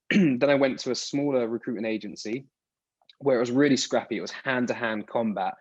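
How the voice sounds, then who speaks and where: A podcast guest from the UK, a man in his thirties, gives loose, rambling interview answers and keeps restarting words. His voice is medium-pitched and slightly rough at a moderate pace, heard in a dull, dry lo-fi recording.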